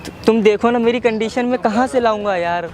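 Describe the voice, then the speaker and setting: A man playing a desperate young husband deep in debt, pleading with his wife, exasperated, stammering and repeating himself. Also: fairly quick, a little mellow, natural voice. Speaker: husband in a skit.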